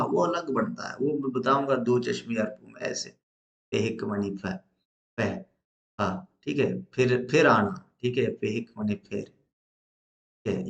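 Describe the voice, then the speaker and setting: A man's voice: mid-range voice, reverberant. A male teacher, leading a lesson at the board, asking questions and answering them himself.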